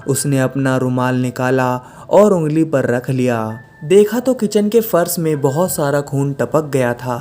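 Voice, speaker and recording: A man's voice: medium pitch, measured pace, hardly any pauses, darkish tone. Male horror story narrator. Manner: direct address to listeners.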